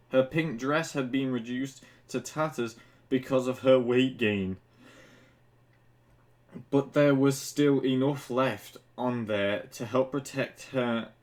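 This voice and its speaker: His mid-range voice is a little mellow, and he's clearly tipsy. Reading fan fiction out loud in a loose, comedic way, he stumbles through lines and interrupts himself with profane jabs at the text.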